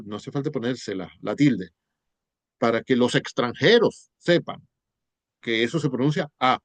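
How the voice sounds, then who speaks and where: A man's voice: mid-range voice, no echo. Man lecturing with rhetorical questions. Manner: explains step by step, with rhetorical questions and "¿no?" tags. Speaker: university lecturer. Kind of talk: class lecture on spelling rules.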